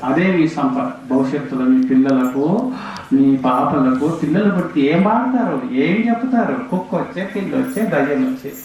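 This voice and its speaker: A man giving a devotional discourse, switching between fast explanation and slow sung lullaby verses. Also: on the high side, a little mellow. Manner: alternates quick explaining with slow sung chanting. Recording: very echoey room, voice from a distance.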